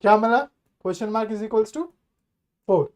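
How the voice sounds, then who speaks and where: A man's voice: high voice, steady tone, slow pace, clear, resonant tone. A male maths teacher giving an online exam-prep lecture, chatty and coaxing, asking the class rhetorical questions and mixing English terms into his explanations.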